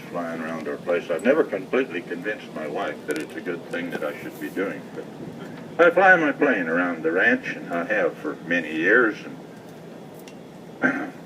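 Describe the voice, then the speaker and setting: A middle-aged man with a rural American West accent and a folksy cowboy drawl, reciting cowboy poetry live. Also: sits low. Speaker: cowboy poet, rancher. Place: festival stage, live event. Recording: distant mic, muffled, noisy event sound.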